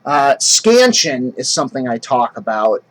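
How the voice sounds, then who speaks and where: A man's voice: mid-range voice, big pitch swings, unhurried, noisy background. A drama teacher explaining how to speak verse, casual and explanatory, often restarting his sentences. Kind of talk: acting lesson.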